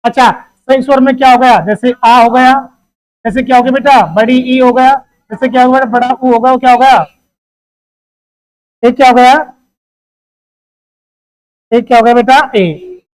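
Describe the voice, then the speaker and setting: In a low-quality recording, a teacher with a high-pitched voice leads an exam-prep grammar lesson at a moderate pace with long pauses. The teacher asks one question after another, answers each, and affectionately calls the students "beta."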